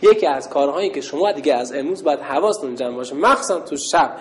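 A woman teaching girls a religious lesson, shouting call-and-response cues and giving cheerful praise. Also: sits low, expressive, heavy background noise. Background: children's chatter.

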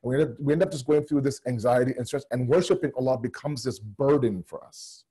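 Man preaching online, kinda husky and dark, lots of rhetorical questions. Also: mid-range voice, quick pace. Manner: earnest, rhetorical questions, acts out doubting voices. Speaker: religious lecturer. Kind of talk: sermon to online audience.

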